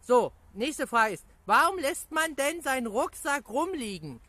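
High, lively, chatty gaming youtuber. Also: measured pace, dry recording. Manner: rambling, chatty, repeats catchphrases and fillers; excitable, laughs often. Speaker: gaming YouTuber answering viewer questions. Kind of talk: casual video reply to viewers.

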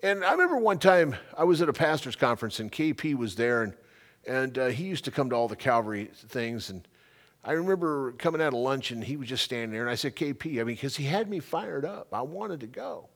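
A middle-aged pastor preaching a sermon in an emphatic, conversational way. His pitch rises and falls with lively swings. He often doubles back to repeat a line for weight. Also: a little fast.

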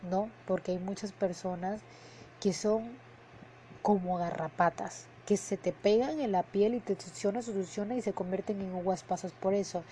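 A woman hosts a podcast in a casual monologue, earnest and heartfelt, often ending her sentences with a questioning "no?". Her voice is mellow and warm, with a faint hiss of noise behind it. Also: mid-range voice, steady tone, moderate pace, poor audio. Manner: earnest, heartfelt, repeats words for emphasis. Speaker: podcast host and emotional coach. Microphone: headphones and podcast mic.

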